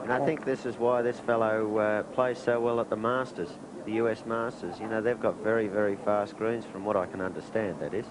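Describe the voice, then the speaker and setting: Lower-voiced male golf commentator. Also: steady tone, brisk, few pauses. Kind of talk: conversational expert golf commentary. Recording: noisy outdoor 1980s TV broadcast.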